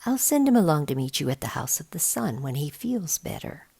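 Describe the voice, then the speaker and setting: Woman voicing brisk, husky Spider-Woman, a storybook guide. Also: deep voice, very animated, warm tone, heavily acted. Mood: matter-of-fact. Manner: matter-of-fact, cheerful.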